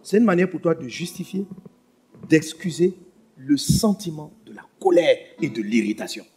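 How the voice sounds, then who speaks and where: Give me a male pastor preaching in a high, animated voice. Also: moderate pace, slight background noise. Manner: animated preaching, swinging from loud to hushed. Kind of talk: sermon.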